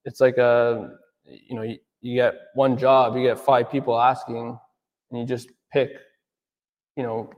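A little slow and level in a mid-range voice, a thirties-aged auto detailer and business owner meanders through a casual interview, full of fillers and habitual "right?"s. The audio is dull and trails off in long reverb.

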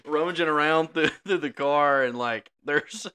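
Young co-host, animated laughing storyteller, bright and crisp tone. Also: male voice, a little high, unhurried. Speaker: podcast co-host. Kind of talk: casual storytelling.

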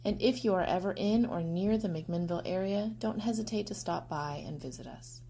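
A woman reading a scripted podcast introduction in a calm, measured way. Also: lowish voice, gravelly, a little hiss or hum. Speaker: podcast announcer.

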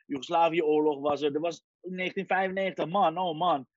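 A man in his forties from Iran, a guest telling his life story in a lively casual way, sprinkling in English phrases. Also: fairly high pitch, fast, dry recording. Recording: dry, dull lo-fi sound.

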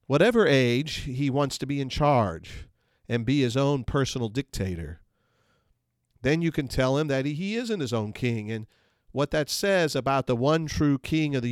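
Male podcast host, earnest and measured instructional read, mid pitch, dry close-mic sound. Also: no room sound.

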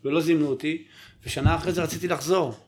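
A man in his thirties telling stories in a casual chat and acting out what people said. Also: fairly high pitch. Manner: animated storyteller, acts out quotes. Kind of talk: casual storytelling.

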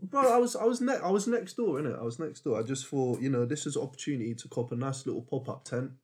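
A man's voice: medium pitch, animated, fast. A young man with a London roadman accent, chatting casually and telling stories in heavy slang with easy banter. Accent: London, urban roadman slang. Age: young adult. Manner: slangy, banter-filled, laughs easily. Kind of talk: casual group chat, telling festival stories.

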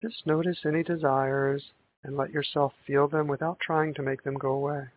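A man guiding a breathing meditation in a calm, gentle, meditative tone, on a thin band-limited recording. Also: a little high, normal speed. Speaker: meditation guide. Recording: tinny band-limited audio with hiss.

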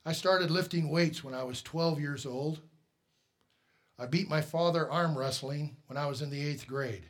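A middle-aged male pastor preaching a sermon, telling a personal story, shifting from quiet asides to loud, emphatic peaks. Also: fairly high pitch, normal speed.

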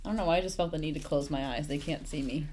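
A young woman from Texas joins a friend's podcast as a guest, giggly and a bit dramatic. Her voice is on the lower side for a woman, and her talk is loose and full of "like.". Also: very fast, a little mellow, slight background noise. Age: young adult. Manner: giggly, dramatic, filler-heavy. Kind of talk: casual chat.

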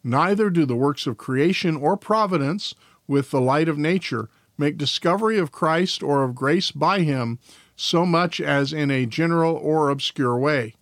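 A man's voice: fairly high pitch, no echo, clean studio sound. A male podcast host reading a devotional and a church confession aloud in a careful way, now and then tripping over his words.

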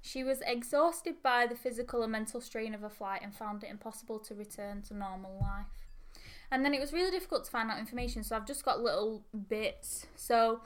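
A woman co-hosts a chatty podcast and reads out facts in steady, even runs. Her voice sits a touch high. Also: brisk, slight background noise. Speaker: podcast co-host. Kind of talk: casual chat, reading history notes.

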